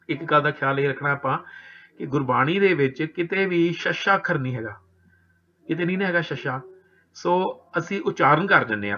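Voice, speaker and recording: A man with a Punjabi accent reciting Sikh scripture in a steady chant, pausing to instruct the congregation earnestly. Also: fairly high pitch. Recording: dull lo-fi recording.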